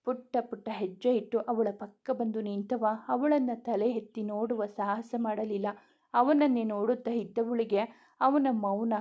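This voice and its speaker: A woman narrating a romantic story in a gentle, even reading voice. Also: mid-range voice.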